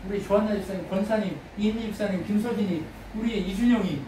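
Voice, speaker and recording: Preacher, sermon delivery, call-and-response questions, sudden loud bursts; distant, roomy church sound. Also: medium pitch, fast talker, slight background noise. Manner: fires rhetorical questions at the congregation. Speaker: pastor. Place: church sanctuary.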